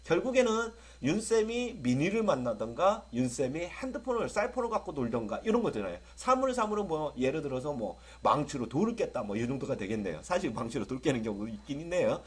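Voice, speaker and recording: A middle-aged man from South Korea teaching English grammar to students, lively and often checking whether they follow. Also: fairly high pitch, fairly quick, hardly any pauses, slightly rough. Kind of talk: lecture to students.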